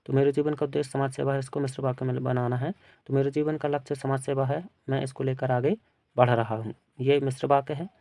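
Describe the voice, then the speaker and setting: A male teacher working through an exam paper, reading each question aloud and then giving its answer in a plain, steady way. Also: medium pitch, fast, no room sound. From India.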